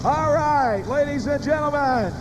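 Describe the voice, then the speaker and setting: A man giving excited live sports commentary as a showmanlike announcer who builds suspense for an arena crowd. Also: very high-pitched, a little slow. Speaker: tractor pull announcer and interviewer. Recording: live arena sound with faint engine noise.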